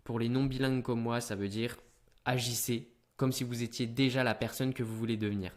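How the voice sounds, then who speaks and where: Energetic teen lecturing on business. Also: male voice, medium pitch, brisk. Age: teens. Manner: energetic, punchy, talks straight to the viewer. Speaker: young entrepreneur giving business advice. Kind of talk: direct-to-camera business advice vlog.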